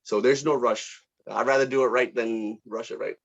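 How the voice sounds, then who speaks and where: Gravelly with a breathy edge, this man's medium-pitched voice holds a steady tone at normal speed. As a student film director, he runs a casual online table read meeting, informal and appreciative yet hesitant in phrasing. The recording is dull lo-fi online call audio.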